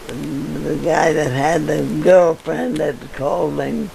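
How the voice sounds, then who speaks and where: An older woman being interviewed, telling old neighborhood stories in a halting way with fillers and chuckles. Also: deep voice, steady tone, gravelly, mellow, slight background noise. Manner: halting storyteller with frequent laughs and fillers. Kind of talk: casual reminiscing.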